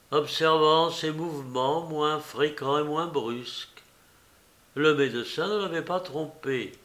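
A man reading a classic novel aloud as audiobook narration, slow and deliberate. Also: medium pitch, a bit bright. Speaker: audiobook reader.

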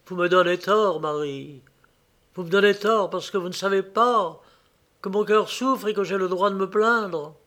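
A heartbroken young village man pours out bitter, plaintive words, as a man reading the story plays him. His voice sits high and drawn out. The anguish stays close to the surface. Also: a little slow, sharp tone.

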